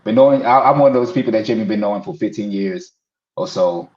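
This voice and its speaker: Haitian-born man, low-set voice, joking panelist on a muffled, roomy call. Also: quick pace, a little mellow. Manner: laughing, teasing. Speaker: panelist, stand-up comic. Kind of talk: casual joking chat. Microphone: video call.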